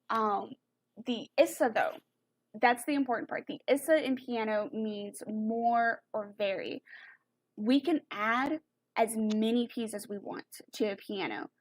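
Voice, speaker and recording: A young woman teaching an online music lesson over a computer mic, explaining in a chatty way with fillers and self-corrections. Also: fairly high pitch.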